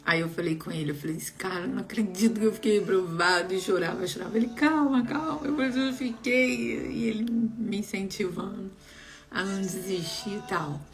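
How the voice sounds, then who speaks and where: A young adult woman, casually telling viewers a personal story in an animated, expressive way. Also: medium pitch, fast, hardly any pauses, soft background music. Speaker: vlogger sharing a personal story.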